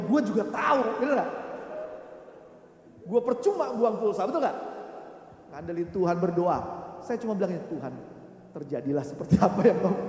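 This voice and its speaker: A middle-aged male pastor preaching a sermon, telling stories in a lively way, acting out quoted voices and laughing along. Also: high-pitched. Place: large church hall. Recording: echoey hall with reverb.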